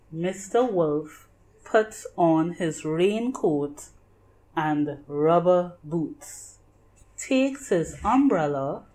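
Very slow-paced woman reading a children's storybook. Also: on the low side, darkish tone, low-quality recording. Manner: deliberate, simple phrasing for young children. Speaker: storybook reader. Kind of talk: scripted children's picture-book narration.

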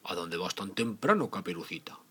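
A man voicing a sly, hungry big bad wolf in a storybook tale, slow, savoring and scheming. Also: sits low, animated, a bit bright, slightly rough, heavily acted. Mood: feigned politeness.

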